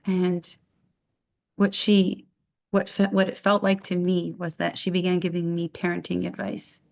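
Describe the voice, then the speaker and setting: Soft-spoken woman telling a personal story. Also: fairly low pitch, monotone, gravelly, muffled recording. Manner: halting, reflective, with frequent restarts. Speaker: interviewee sharing her story. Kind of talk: personal testimony.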